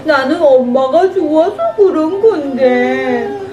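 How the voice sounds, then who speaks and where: A woman voicing a small sulky child who feels unloved, talking slowly and whining. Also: high-pitched, expressive, muffled recording. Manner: whiny, slow, hurt. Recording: echoey room, faint music behind.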